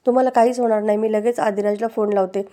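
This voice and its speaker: Accused young wife, read by a woman narrator, pleading, even and mellow. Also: mid-range voice, fast talker, lightly acted. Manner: pleading, defiant.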